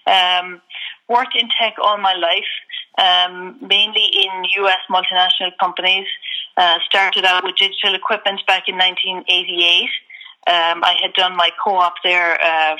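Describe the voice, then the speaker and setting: Woman, 50s, interview guest; low-pitched, bright, measured and thoughtful delivery. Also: poor audio. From Ireland. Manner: measured, thoughtful, often pausing to gather thoughts. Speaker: guest executive. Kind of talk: conversational interview answers.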